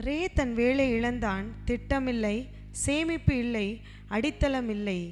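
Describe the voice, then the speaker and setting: A woman narrating a church skit in a measured, solemn way. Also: fairly high pitch, a little mellow. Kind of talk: scripted narration. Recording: clear background music.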